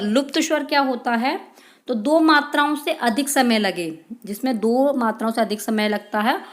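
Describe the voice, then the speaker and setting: Woman teacher going through exam questions, slightly high voice, keeps saying friends. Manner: reads out questions and answers them, calls viewers friends. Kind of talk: exam-prep lesson.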